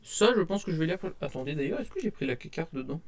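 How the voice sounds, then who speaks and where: A man's voice: on the high side, sing-song, fast. A young man casually rambling through his manga purchases at his desk, hesitant with many fillers and restarts. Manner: self-described shy. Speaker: manga collector showing purchases. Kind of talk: casual haul vlog to camera. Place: at home at a desk. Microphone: desk webcam.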